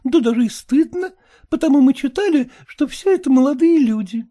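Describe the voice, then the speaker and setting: Brief: reader putting on a pert young daughter, early twenties, affected and prim, high voice. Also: female voice, lively intonation, a little fast, warm tone.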